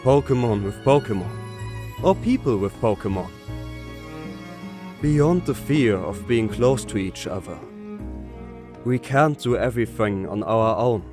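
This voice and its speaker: A man's voice: on the low side, lively intonation, unhurried, pauses often, over music. A man playing a wise, patient old professor in a manga dub, explaining things philosophically. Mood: thoughtful.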